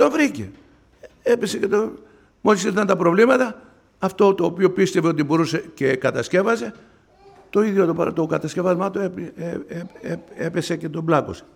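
A man preaching a sermon who swings between hushed and loud, using emphatic rhetorical questions. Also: high voice, vocal fry. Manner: rhetorical questions, acts out quoted voices.

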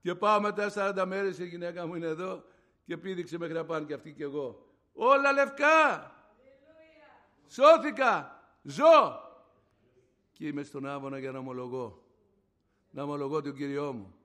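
A middle-aged man preaching a sermon and giving a personal testimony, swinging between loud outbursts and hushed low passages. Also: steady tone.

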